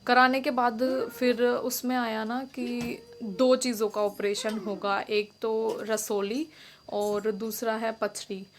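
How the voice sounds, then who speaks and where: A woman's voice: fairly high pitch, little pitch movement, slow pace, a little hiss or hum. A young woman talking casually in a home vlog, explaining at length with many fillers and restarts. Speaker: vlogger.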